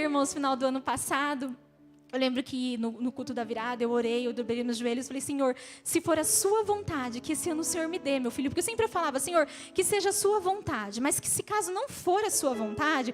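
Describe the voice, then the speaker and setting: A woman's voice: sits high, in a large hall. A Brazilian woman in her thirties giving an earnest, emotional church testimony to the congregation. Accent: Brazilian Portuguese. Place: church hall.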